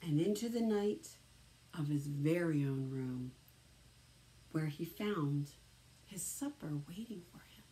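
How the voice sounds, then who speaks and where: A woman reading a children's storybook aloud as a teacher, dramatically, with hushed phrases and drawn-out words. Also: low-pitched, lively intonation, low-quality recording. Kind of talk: expressive children's storybook narration.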